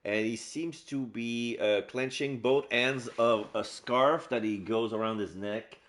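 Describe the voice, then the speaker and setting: A man doing casual let's play narration, describing game scenes aloud in a halting way. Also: medium pitch, fairly bright tone. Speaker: game streamer and voice-over player.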